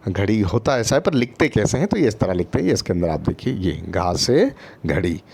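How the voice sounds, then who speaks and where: A man's voice: on the low side, big pitch swings, fast talker, vocal fry, darkish tone, husky. A man teaching first graders in an online lesson, patient and repetitive, often checking in with his listeners and drawing out letter sounds. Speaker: primary school teacher.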